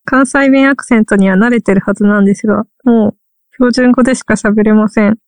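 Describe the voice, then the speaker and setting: A woman's voice: on the high side, steady tone, a little fast, no echo. Wry woman from Ehime, English teacher. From Ehime, Japan. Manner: wry, trails off searching for words. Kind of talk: casual chat.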